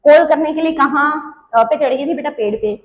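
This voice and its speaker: A woman teacher with a Hindi accent runs an exam-prep biology lesson, quizzing her students in quick rounds and answering herself. Her voice sits high. The recording has a noticeable room echo. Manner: quizzes students with quick questions and answers herself, calls them beta and bhaiya; uses playful memory tricks and little stories.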